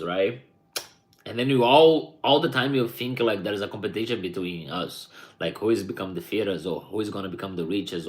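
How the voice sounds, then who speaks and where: A Brazilian rapper with a Brazilian Portuguese accent chats casually with his viewers in a vlog, rambling and often tagging his sentences with "right?". His voice is fairly low in pitch and a bit bright.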